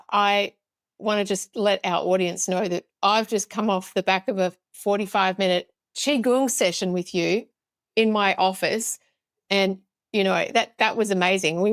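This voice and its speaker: A woman's voice: medium pitch, no echo. A woman hosting a podcast interview, speaking in an enthusiastic, upbeat way. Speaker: podcast host.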